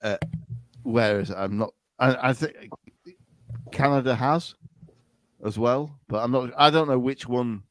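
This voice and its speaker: A man's voice: medium pitch, unhurried, pauses often, fairly bright tone, no echo. A man hosting a podcast, talking in a casual, rambling way with lots of restarts and hesitations. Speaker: podcast host. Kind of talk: casual chat.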